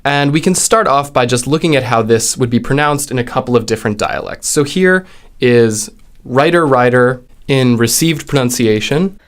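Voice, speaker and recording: A man giving an explanatory lesson on speech sounds. He speaks deliberately and draws out example words and vowels to demonstrate them. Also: mid-range voice, lively intonation. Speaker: linguistics video host.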